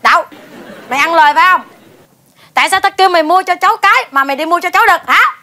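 A woman's voice: lively intonation, moderate pace, bright, forceful tone, heavily acted. An actress playing a domineering wife who bosses and beats her husband in a stage comedy sketch. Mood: furious. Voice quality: shrill, domineering.

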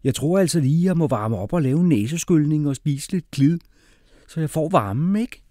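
A man's voice: fairly high pitch, lively intonation, warm tone, no echo, clean studio sound, voice pushed up, close to an everyday voice. A man voicing a laid-back male hippie with a drawling way of talking. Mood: fretting. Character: mellow male hippie, worried about karma.

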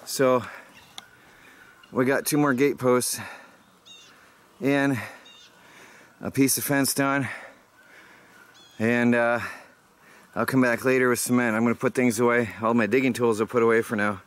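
A man's voice: medium pitch, level tone, measured pace, long pauses. A middle-aged man casually narrating his homestead chores outdoors, rambling and chuckling to himself, picked up by a camera mic. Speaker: homesteading vlogger. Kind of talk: casual work-along narration. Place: outdoors on a rural property. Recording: faint outdoor background noise.

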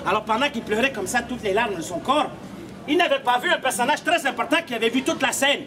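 Talking fast in a very high voice, a man from Canada works as a street puppeteer, spinning comic tales with theatrical mock-seriousness for a live crowd. The outdoor show takes place on a cobbled street by a stone wall, and the audience is noisy.

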